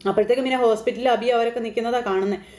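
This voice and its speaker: A woman rattles through a TV serial episode at a quick clip in a chatty, informal retelling. Her voice sits a little high, and she keeps dropping in tag fillers while she repeats the characters' lines. The recording has a roomy echo. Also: fairly even intonation, darkish tone. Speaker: recap narrator of a TV serial.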